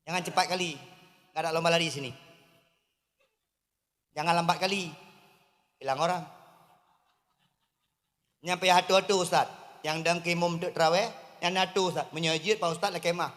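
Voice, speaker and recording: Animated Acehnese preacher, high voice. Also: male voice, moderate pace, long pauses, in a large hall. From Aceh, Indonesia. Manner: animated, swings from low asides to loud emphatic calls. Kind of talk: humorous outdoor sermon. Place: mosque courtyard outdoors.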